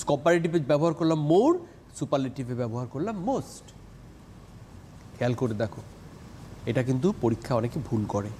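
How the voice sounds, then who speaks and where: A man's voice: mid-range voice, warm tone, a little hiss or hum. Man teaching English. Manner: mixes Bengali and English, stresses words and syllables. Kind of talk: TV classroom lesson.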